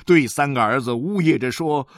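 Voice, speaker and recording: A woman reading a story aloud in calm, measured narration. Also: rumbling low, no echo, clean studio sound.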